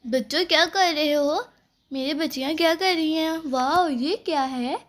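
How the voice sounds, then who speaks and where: Bossy nagging doll mom for a kids' toy story, played by a woman, very high-pitched. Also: moderate pace, fairly bright tone. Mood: scolding. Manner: scolding, nagging. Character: bossy scolding mother doll.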